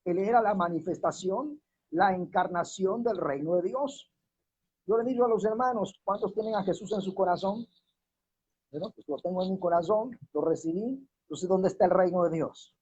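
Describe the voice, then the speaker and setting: A man preaching a sermon as minister, slowing down and repeating verses to drive his points home. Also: sits high, darkish tone, slightly rough. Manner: slows and drops his voice to stress key words, repeats verses. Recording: dull lo-fi recording.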